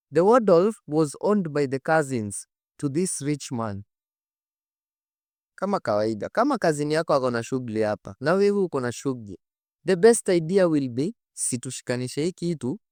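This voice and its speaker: A man hosts from a studio set, narrating stories to camera with animation and emphasis. He speaks conversationally in a Kenyan accent, repeats phrases and poses rhetorical questions. His fairly high voice is a little mellow, recorded dry at studio quality.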